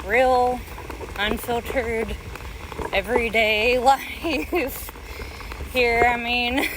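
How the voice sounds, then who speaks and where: Female podcast host, unhurried casual brain-dump delivery on a walk outside, very noisy outdoor recording with leaves crunching. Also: on the high side, steady tone. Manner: musing aloud while walking. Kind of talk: casual unscripted podcast monologue. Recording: outdoor walking recording, loud ambient noise. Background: crunching dry leaves underfoot, outdoor noise.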